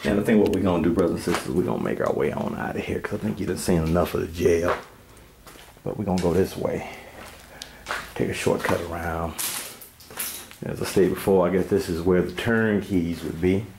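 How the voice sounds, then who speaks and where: Deep-voiced laid-back man. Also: fairly quick, vocal fry, reverberant, background noise. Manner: laid-back, streetwise, swears casually. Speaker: urban explorer. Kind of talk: casual walk-through narration. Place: indoors in an abandoned police station.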